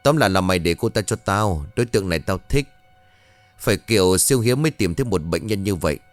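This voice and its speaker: A man's voice: deep voice, lively intonation, fast, no echo, faint music behind. A man voicing a cool-headed psychiatrist who explains things bluntly and offhandedly. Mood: clinical.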